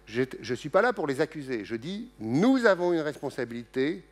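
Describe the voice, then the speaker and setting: A middle-aged man giving a public science lecture, joking and lively, with many restarts and asides. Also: fairly high pitch, a little fast. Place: lecture hall.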